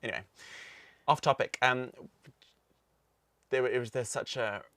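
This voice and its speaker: A man's voice: mid-range voice, fairly even intonation, unhurried, pushed and bright. A young man co-hosting a podcast, chatting casually and rambling, laughing often. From Australia. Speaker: podcast co-host. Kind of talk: casual chat.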